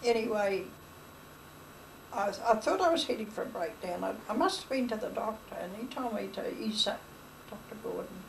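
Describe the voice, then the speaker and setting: A woman's voice: medium pitch, lively intonation, normal speed, creaky. An older woman telling family stories in a rambling, chatty way, acting out old conversations. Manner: rambling, chatty, retells dialogue, laughs. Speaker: interviewee. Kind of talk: oral history storytelling. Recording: distant mic with faint hiss.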